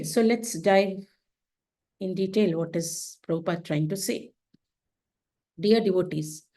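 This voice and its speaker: A woman leading a scripture class over a video call, in an animated, questioning, teacherly way. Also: lowish voice. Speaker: class leader.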